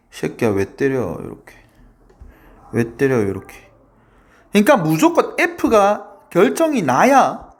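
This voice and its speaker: A male math teacher giving a lively, playful lecture, constantly checking in with his students and acting out little quoted lines. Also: on the high side.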